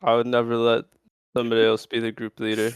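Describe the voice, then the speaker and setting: A man's voice: mid-range voice, monotone, fast, smooth, no echo, studio quality. A young man co-hosting a casual podcast chat, teasing his friends with goofy, swearing banter. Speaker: podcast co-host.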